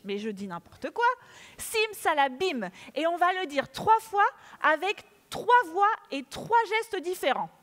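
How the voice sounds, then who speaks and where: A woman hosts a children's award ceremony from the stage of a large auditorium. Her voice is high and lively, and she plays with the crowd and coaxes them to join in. The hall rings with reverb around her. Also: a little slow, hardly any pauses. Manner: animated, playful, coaxes the audience. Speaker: ceremony host. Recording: echoey hall with audience.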